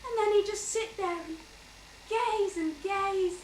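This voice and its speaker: A woman playing a fond, high-voiced mother. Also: slow. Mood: wistful. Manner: wistful, storytelling, quotes others fondly. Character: fond mother recalling her courtship. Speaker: stage actor. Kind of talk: stage play acting. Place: theatre stage. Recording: echoey stage miked from far off, light hiss.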